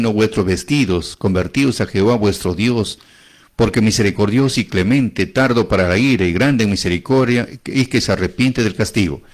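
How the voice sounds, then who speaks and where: A man preaching in a middle-pitched voice. He leans on repetition and throws out rising rhetorical questions to his listeners. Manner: emphatic, repeats phrases, rising rhetorical questions. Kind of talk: sermon.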